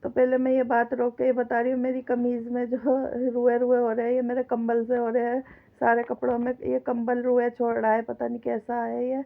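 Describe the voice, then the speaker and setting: Her throat sore and her cough persistent, a middle-aged woman keeps up casual vlog chatter in her kitchen, cooking and complaining directly to viewers. She talks fairly quickly in a monotone on the high side, with vocal fry. The phone recording comes out tinny.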